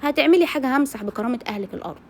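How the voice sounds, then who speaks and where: A woman's voice: high voice, lively intonation, very fast, darkish tone, slight background noise. A woman with an Egyptian Arabic accent, chatting while she cooks in her home kitchen. She talks outspokenly and straight to her female viewers. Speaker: cooking vlogger. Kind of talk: casual chat while cooking.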